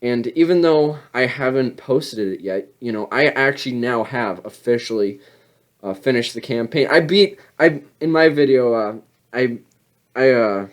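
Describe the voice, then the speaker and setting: A man's voice: mid-range voice, unhurried. Easygoing man hosting a gaming podcast. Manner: easygoing, reads listener questions. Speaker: podcast host. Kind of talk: casual podcast chat.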